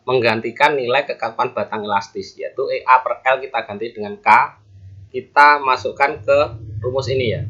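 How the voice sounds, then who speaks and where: A man lectures on engineering at a medium pitch, taking the material step by step and reading out formulas term by term. He pauses often to let each part land. The recording sounds dull and lo-fi. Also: fairly bright tone, breathy edge. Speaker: university lecturer.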